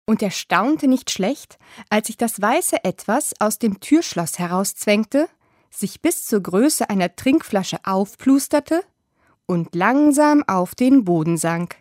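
A woman's voice: medium pitch, lively intonation, slow pace, darkish tone, no echo, clean studio sound. A woman presenting a children's story show in a friendly, storytelling manner. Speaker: narrator. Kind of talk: scripted narration for children.

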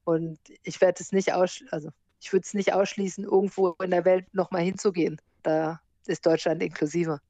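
A woman in her forties, born in America and raised in Germany, talking about her life abroad in a relaxed interview and laughing now and then. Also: on the low side, normal speed, hardly any pauses, no echo. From born in the US, grew up in Germany. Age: 40s. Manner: lively, laughs often while telling stories. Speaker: interview guest, surf instructor and hostel owner.

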